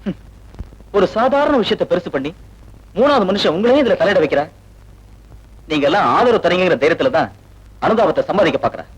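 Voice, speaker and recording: A man's voice: sits high, animated, fairly quick, pauses often, breathy edge, lo-fi sound. An actor playing a callous, domineering husband who brushes off his wife's grief with contempt. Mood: contemptuous. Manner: contemptuous, blustering. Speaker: unfaithful husband. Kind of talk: 1980s Tamil film acting. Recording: film soundtrack with music behind.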